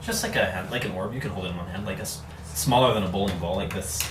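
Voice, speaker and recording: A young man narrating a tabletop game as dungeon master, relaxed and laughing, recorded from across an echoey room. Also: low voice, fast talker. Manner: relaxed, laughing, self-correcting. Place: living room with friends. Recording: echoey room, distant camera mic, background noise.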